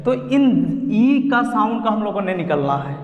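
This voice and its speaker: A man's voice: high voice, big pitch swings, moderate pace, roomy sound, long reverb tail, highs cut off. A man with a Bihari Hindi accent teaching English pronunciation, spelling words out letter by letter. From India. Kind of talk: spoken lesson.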